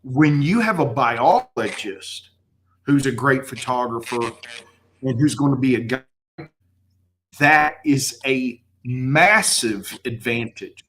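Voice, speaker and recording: A man's voice: mid-range voice, takes it slowly, a bit bright, a little hiss or hum. West Texas man with a slurry twang. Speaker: livestream host and photographer. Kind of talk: casual livestream chat.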